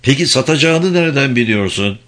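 A man voicing a calm woman police officer who asks steady, firm questions. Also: mid-range voice, fairly quick, natural voice.

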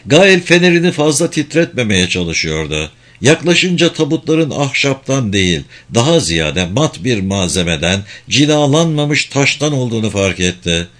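A man narrating an audiobook in a measured, expressive reading voice. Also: mid-range voice.

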